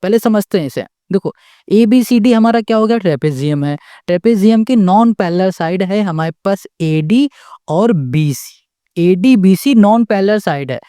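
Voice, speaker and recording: A patient maths tutor walks through a problem step by step. The voice is warm and mellow. The tutor keeps asking rhetorical questions, checks in after every point, and is recorded dry and close with no room sound. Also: mid-range voice, lively intonation, normal speed, no room sound. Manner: asks the class rhetorical questions and checks in with "okay?" often; patient and repetitive, restating each step.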